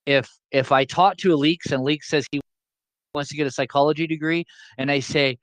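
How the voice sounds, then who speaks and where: A man with a voice on the high side runs a video-call class, talking fairly quickly with fairly even intonation. His explanations are laid-back and playful, and he restates points for simplicity. There's no room sound, but the audio quality is poor.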